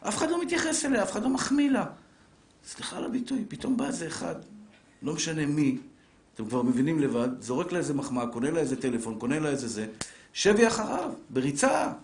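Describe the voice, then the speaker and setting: Middle-aged male rabbi, slightly high voice, lively lecturing manner, live audience, roomy echo. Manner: lively, talks straight to listeners with rhetorical questions. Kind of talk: live Torah lesson to an audience. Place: lecture room with a seated audience. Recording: roomy echoing room.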